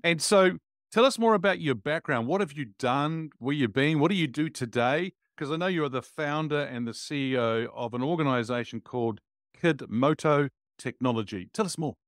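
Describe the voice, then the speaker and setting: A man's voice: on the high side, lively intonation, moderate pace, dry recording. Enthusiastic male podcast host, dry close mic. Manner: enthusiastic, frequent praise words. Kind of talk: upbeat conversational interviewing.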